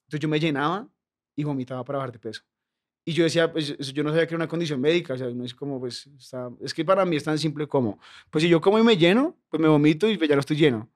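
A man's voice: on the high side, very fast. A young Colombian man with a Colombian accent, a comedian telling stories in casual podcast chat, slangy and profane. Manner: slangy, profane, laughing storyteller. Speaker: comedian guest.

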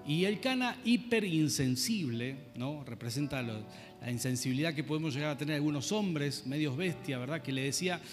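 A man's voice: fairly high pitch, expressive, a little fast, big-room sound, faint music behind. A man preaching a sermon in a church. He tells a Bible story in his own words and keeps asking his listeners for agreement.

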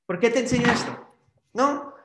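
A man giving a live-streamed motivational training from his office, leading the viewers through a guided visualization and tagging nearly every sentence with a quick question. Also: extremely high pitch, roomy sound, noisy background.

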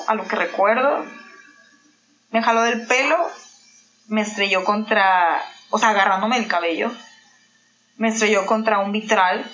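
A woman's voice: medium pitch, fairly bright tone, a little hiss or hum. A woman with a Mexican accent, a guest in an interview, telling a personal story and acting out the dialogue she quotes. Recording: roomy, slightly dull sound.

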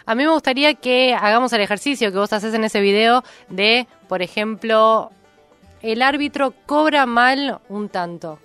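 A woman's voice: a little high, normal speed, a bit bright, clean tone. A woman, hosting a radio interview and prompting the guest with questions. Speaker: radio host. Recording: radio studio with faint music.

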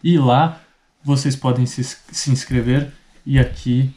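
A man, co-hosting a podcast in relaxed casual chat. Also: mid-range voice, takes it slowly. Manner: relaxed, plugs his channel. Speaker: podcast co-host.

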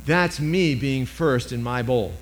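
Into a microphone, a loud-voiced man in his sixties delivers a sermon at a slow pace, with a medium pitch and emphatic shifts between loud and quiet.

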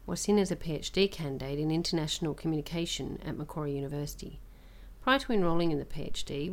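A woman's voice: deep voice, darkish tone. A woman hosting a podcast interview, introducing her guest and asking encouraging questions. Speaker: podcast host.

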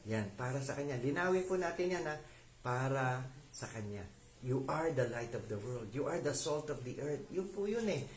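A man's voice: medium pitch, expressive, normal speed. A man giving an informal sermon in Filipino and English, talking to listeners and often asking them to agree. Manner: conversational, asks listeners to agree. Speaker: lay preacher. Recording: echoey room with faint background noise.

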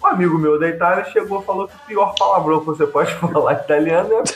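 A young Brazilian man with a Brazilian Portuguese accent who talks slightly higher than most men. He tells animated, profanity-laced stories in casual chat, and his voice rings with a roomy echo. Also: fast talker, highs cut off. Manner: animated storytelling, lots of swearing.

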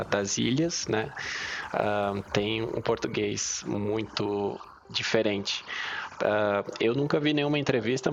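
Male co-host, Brazilian accent, halting delivery, monotone and gravelly. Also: fairly low pitch, highs cut off. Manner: halting, many fillers and restarts. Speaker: podcast co-host, developer. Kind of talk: casual podcast chat.

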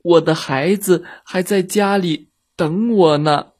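A man's voice: high-pitched, takes it slowly, pitched above the performer's own voice. A man voicing a begging mother elephant. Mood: pleading. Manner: begging, soft. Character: pleading mother elephant, gentle.

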